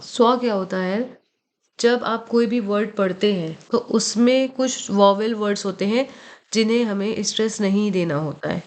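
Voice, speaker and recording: A woman teaching pronunciation from a textbook, moving at an unhurried classroom pace. She stops to spell words letter by letter and repeats them slowly, checking in with her students every few phrases. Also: medium pitch, a little mellow. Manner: slow, careful spelling-out of words, frequent "thik hai" check-ins. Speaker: English teacher. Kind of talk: explaining a textbook in Hindi mixed with English.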